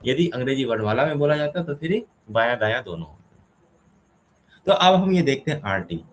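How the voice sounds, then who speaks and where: A man's voice: medium pitch, very animated, normal speed, slight background noise, low-quality recording. Male teacher working through a problem. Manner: asks questions and answers them himself, counts step by step. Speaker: reasoning teacher. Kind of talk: explaining a classroom problem.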